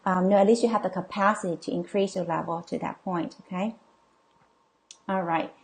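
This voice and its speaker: A woman's voice: on the low side, fairly even intonation, fast, vocal fry. A middle-aged woman coach and healer hosting a live online session, reading viewer comments and reassuring them with frequent "okay?" and filler sounds. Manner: reassuring, many okays and ums, reads comments aloud.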